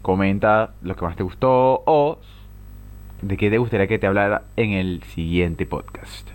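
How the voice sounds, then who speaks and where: A man's voice: fairly low pitch, moderate pace. A young man with a Venezuelan Spanish accent, hosting a casual solo podcast, talking in heavy slang, exasperated and full of rhetorical questions. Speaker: podcast host.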